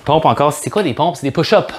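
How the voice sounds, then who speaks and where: Joking Québécois fitness coach. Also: male voice, on the high side, a little fast, breathy edge. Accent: Québécois French. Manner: upbeat, joking, counts reps aloud. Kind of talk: guided workout instruction.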